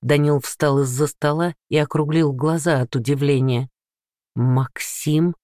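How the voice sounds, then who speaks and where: A man reading a story aloud in a steady, even narration. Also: on the high side, normal speed, no room sound, clean studio sound. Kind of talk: audiobook narration.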